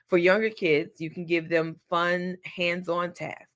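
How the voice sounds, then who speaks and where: A woman's voice: on the low side, flat delivery, unhurried. Woman podcast host, solo advice talk, easygoing and encouraging, casual phrasing. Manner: chatty, encouraging, colloquial.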